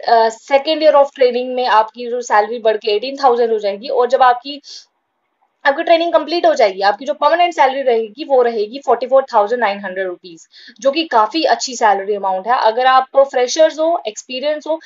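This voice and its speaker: A woman's voice: high voice, darkish tone, dull audio. A woman hosting a job-update channel, giving an informal voice-over explainer with frequent fillers and repeated points.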